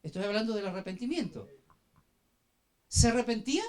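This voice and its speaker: A man's voice: expressive, a little fast. A man preaching a sermon as an apostle, telling a story dramatically and urging the congregation to answer and turn to one another. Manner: dramatic storytelling, swinging from hushed low phrases to loud emphatic bursts; addresses the congregation directly with call-and-response prompts.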